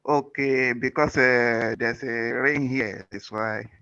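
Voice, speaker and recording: A man from Malaysia, an audience caller who asks a question haltingly and hesitantly. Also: mid-range voice, steady tone, pushed and bright, no room sound, lo-fi sound.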